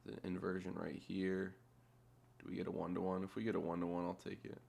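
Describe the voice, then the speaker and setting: A man's voice: sits low, level tone, quick pace, vocal fry, a little mellow. A man giving casual screen-share commentary as a trader, thinking aloud in an offhand, muttering way with casual swearing. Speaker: trader narrating a chart replay.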